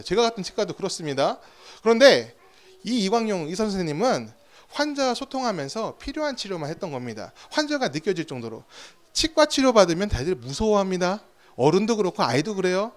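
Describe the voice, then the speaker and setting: A man preaching a sermon as pastor, telling stories with rhetorical questions and acted-out quotes. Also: high voice.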